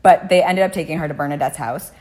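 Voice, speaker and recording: A woman's voice: low-pitched, fast talker, darkish tone. A woman hosting a true crime podcast, telling the case in a casual, blunt way with frequent swearing. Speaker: podcast host.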